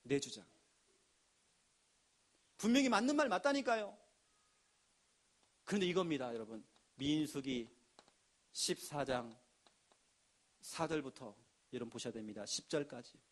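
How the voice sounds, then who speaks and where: A man preaching a sermon in a lively, emphatic way, now and then acting out quoted voices. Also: a little high, measured pace, long pauses. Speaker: pastor.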